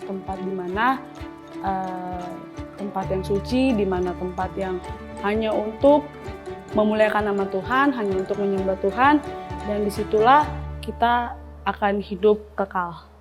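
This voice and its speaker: A woman's voice: medium pitch, a little slow, long pauses, music in the background. A nineteen-year-old woman answering interview questions, hesitant and searching for words. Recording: dull lo-fi recording.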